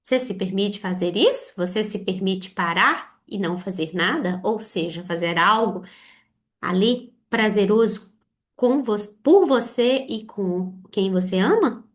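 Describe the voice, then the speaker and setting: Slow-speaking earnest Brazilian woman. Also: mid-range voice, expressive. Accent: Brazilian Portuguese. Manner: earnest, repetitive rhetorical questions, slow halting delivery. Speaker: therapist podcast host. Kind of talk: reflective monologue addressing listeners.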